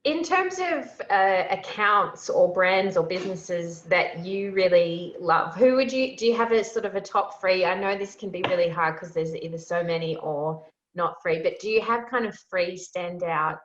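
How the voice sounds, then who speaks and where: A woman's voice: on the low side, moderate pace. A woman host asking a guest rambling, hesitant questions in a casual interview. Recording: roomy, dull lo-fi audio.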